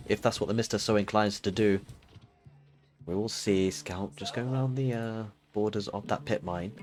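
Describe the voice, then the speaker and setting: Male esports caster, lowish voice, steady explanatory play-by-play, light music bed. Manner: steady, explanatory, with many fillers. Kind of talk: solo play-by-play game commentary.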